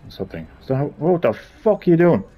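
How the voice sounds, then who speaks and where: A man's voice: a little high, sing-song, fairly quick, muffled recording. A man giving gameplay commentary, frustrated, swearing and muttering to himself as he plays. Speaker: gamer.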